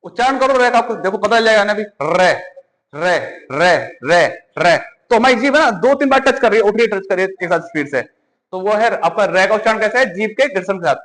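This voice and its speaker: A man's voice: high-pitched, fast talker, a bit bright, in a large hall. A man teaching Hindi grammar for exam preparation, repeating sounds aloud and asking students questions. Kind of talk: exam-prep classroom lesson.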